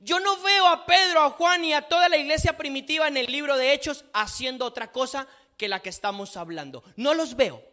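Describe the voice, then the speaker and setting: High, bright-voiced male preacher. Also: expressive, brisk, few pauses. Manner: emphatic, reads scripture aloud and repeats phrases. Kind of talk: sermon.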